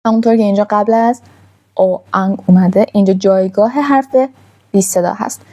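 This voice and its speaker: A woman gives an online language lesson to beginners. Her voice is mellow and warm. She draws out each sound she demonstrates with patient care. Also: medium pitch, dull audio. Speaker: Thai language teacher.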